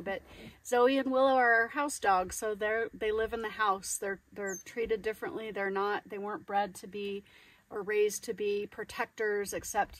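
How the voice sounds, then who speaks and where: A woman's voice: medium pitch, fairly bright tone. A woman in her forties chatting casually to camera outdoors, laughing easily. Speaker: homestead vlogger. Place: outdoors on a desert homestead. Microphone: camera held at a distance. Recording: distant outdoor camera sound, faint noise.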